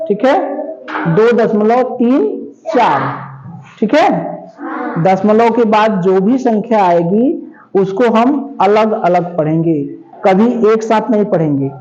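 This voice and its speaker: A man's voice: high-pitched, darkish tone, highs cut off. A male teacher giving a math lesson, repeating each step and asking questions that he answers himself. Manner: repetitive, asks questions and answers them himself; slow, drawn-out step-by-step explaining.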